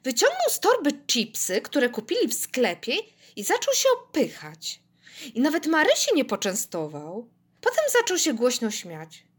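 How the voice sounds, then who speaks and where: A woman reading a children's story aloud with expressive, animated delivery. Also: sits high, moderate pace, slightly rough.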